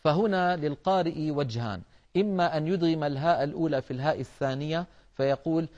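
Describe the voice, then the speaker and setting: A man gives a careful recitation lesson, explaining each rule step by step and addressing his listeners as brothers. His voice sits a little high. The recording sounds dull and lo-fi. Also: fast talker, a little mellow. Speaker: Quran recitation teacher. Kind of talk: tajweed lesson.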